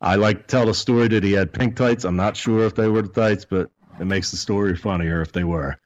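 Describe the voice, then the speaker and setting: A man's voice: fairly low pitch, steady tone, fairly quick, dry recording, dull audio. A man in his fifties, a podcast guest, rambling through a profane story in casual talk.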